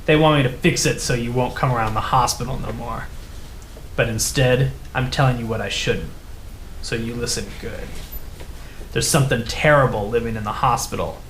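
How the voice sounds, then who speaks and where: A gruff, hulking, half-mad man acted out by a male game master warns in short, urgent sentences. The tone is ominous and plain-worded. The room echoes, with faint noise behind. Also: mid-range voice, moderate pace, fairly bright tone, lightly acted. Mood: ominous warning. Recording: roomy echo with faint background noise.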